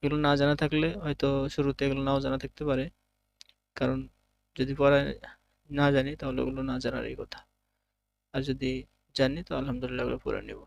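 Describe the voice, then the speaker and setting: Man teaching Arabic letters, gravelly and flat. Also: medium pitch, quick pace, pauses often. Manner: patient teaching, drawing out each letter sound loudly. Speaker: Quran teacher. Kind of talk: online Quran alphabet lesson.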